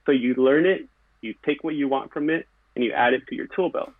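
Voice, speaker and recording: Talking briskly at medium pitch, a male podcast guest from California, a background painter, keeps his phrases short and full of fillers as he reflects earnestly. It's a casual conversation heard over a tinny, phone-like line that's very dry and echo-free.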